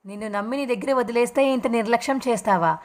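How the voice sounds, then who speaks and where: A woman's voice: on the high side, fast, lightly acted. A woman voicing a guilt-ridden young mother who pleads in a sorrowful tone. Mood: grieving.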